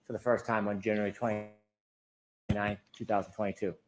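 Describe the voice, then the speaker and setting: A man questioning a witness in a formal, measured way, captured in a courtroom recording from a lectern mic. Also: lowish voice, level tone, slight background noise. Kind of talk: courtroom examination. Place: courtroom, recorded for a live trial broadcast.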